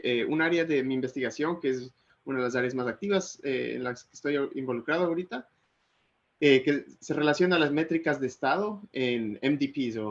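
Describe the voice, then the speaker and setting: Hesitant lecturing man, dull lo-fi audio. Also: medium pitch. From Ecuador. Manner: hesitant, many fillers and restarts. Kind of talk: online technical lecture.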